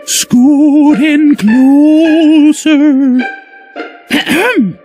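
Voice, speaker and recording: Squeaky, high-pitched cartoon mouse uncle. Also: male voice, darkish tone, soft background music, exaggerated voice. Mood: ominous, theatrical. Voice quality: squeaky falsetto. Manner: theatrical, drawn-out delivery. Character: cheerful cartoon mouse uncle, theatrical storyteller. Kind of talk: cartoon read-along storybook acting.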